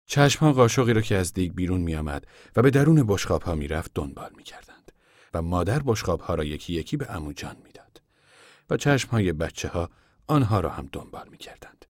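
Fields: deep-voiced male narrator, soft and measured. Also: dry recording, clean studio sound. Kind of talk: scripted narration of a novel.

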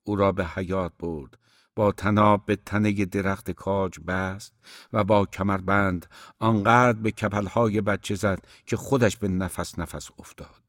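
Man, audiobook narration, measured storytelling, low voice, dry close sound. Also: fairly even intonation, fairly bright tone, no echo. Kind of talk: scripted narration of a novel.

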